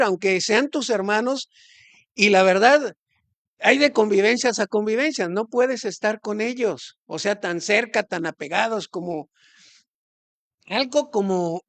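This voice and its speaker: A man's voice: high-pitched, fairly bright tone. A man preaching a sermon as pastor in a church hall, talking conversationally with rhetorical questions and hesitant restarts.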